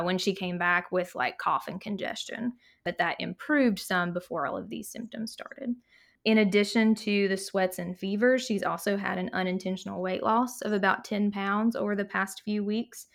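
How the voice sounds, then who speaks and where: A woman presenting a patient case in a relaxed, measured way, listing findings. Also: medium pitch, gravelly. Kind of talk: medical case discussion.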